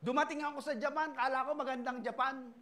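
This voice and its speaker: A middle-aged Filipino pastor preaches to his church, mixing personal testimony with lively, acted-out voices. His voice sits high for a man, and he swings between loud outbursts and quiet asides. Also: quick pace. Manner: animated storytelling, acting out voices and shouting lines. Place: church service.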